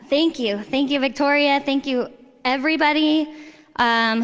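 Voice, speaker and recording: A woman training coordinator addresses a ceremony slowly, filling pauses with frequent ums. Her voice is fairly high, clear and smooth. A long reverb rings through the hall around her. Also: fairly bright tone. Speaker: client services training coordinator. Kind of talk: ceremony speech.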